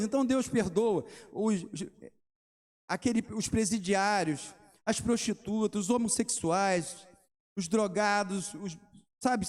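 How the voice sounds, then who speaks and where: High-voiced Rio-preaching pastor. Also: male voice, darkish tone. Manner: preaching with rhetorical questions and testimony stories. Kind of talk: sermon.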